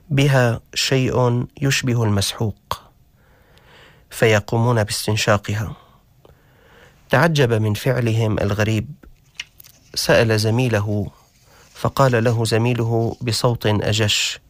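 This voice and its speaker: A man hosting a story show, narrating a cautionary tale slowly and deliberately, with dramatic pauses. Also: fairly low pitch, no echo. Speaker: storyteller host.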